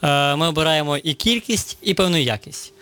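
A man speaking as a radio studio guest, talking haltingly and often restarting words. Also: on the high side, bright, forceful tone. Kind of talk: radio interview.

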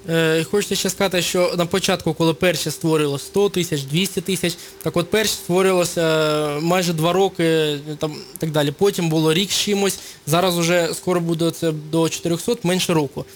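A man's voice: on the high side, fairly even intonation, a little fast, hardly any pauses, slight background noise. A man speaking as a guest on a radio show, explaining at length with frequent hesitations and fillers. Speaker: studio guest. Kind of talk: radio interview.

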